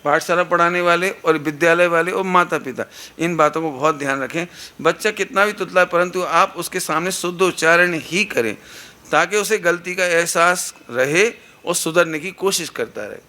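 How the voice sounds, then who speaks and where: Speaking into an amplified mic at a satsang gathering hall, a middle-aged man preaches earnestly and instructively, putting rhetorical questions to those gathered. His fairly high voice sounds pushed and bright, and he keeps a moderate pace.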